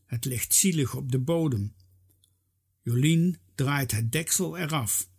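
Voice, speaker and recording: This narrator reads a children's story aloud with lively expression. The husky voice sits at a medium pitch and takes its time.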